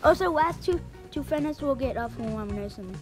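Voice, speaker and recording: A woman casually commentating a marble race video in a rambling, chatty way, with sudden excited shouts. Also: high-pitched, fairly quick. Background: background music.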